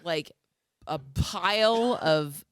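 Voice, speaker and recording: A woman in her thirties chatting casually as a podcast co-host, her voice hoarse and raspy after being sick. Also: fairly low pitch, expressive, drawn-out words, no room sound, studio quality. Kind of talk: casual chat.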